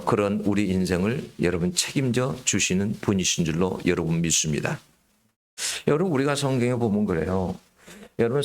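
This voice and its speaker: Low-voiced man preaching a Sunday sermon. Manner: keeps addressing the congregation directly; retells scripture stories conversationally with rhetorical questions. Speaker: pastor. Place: church sanctuary during Sunday worship.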